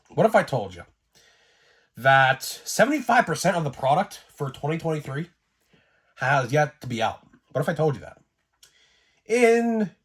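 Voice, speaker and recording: A man hosting a casual sports card vlog, getting over a cold and coughing now and then, talking in a rambling, excitable way with plenty of fillers. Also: medium pitch, slightly rough.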